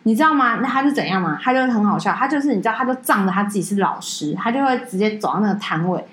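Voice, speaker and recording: Animated, fast-talking woman podcast host. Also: echoey room, rough recording. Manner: animated storyteller, mimics people in a high voice. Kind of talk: casual chat.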